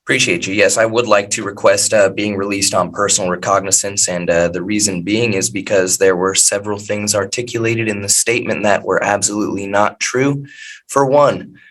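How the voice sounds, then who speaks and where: A man's voice: lowish voice, steady tone, a little fast, fairly bright tone, rough recording. An American man speaking as a self-represented defendant to a judge, with stilted, over-polite legal phrasing. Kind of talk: addressing a judge in court. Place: in custody, on a court video call.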